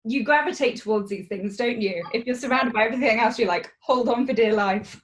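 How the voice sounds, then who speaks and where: A woman hosts a casual interview in a fairly high voice. She is friendly and responsive, laughing along with her guest. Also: fairly quick. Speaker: podcast host.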